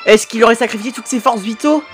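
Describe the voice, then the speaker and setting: A woman hosting a reaction video, excitedly cheering, swearing at the screen and turning hushed when moved. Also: fairly high pitch, fast, over music. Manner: turns hushed and emotional at sad moments. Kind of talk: live reaction commentary.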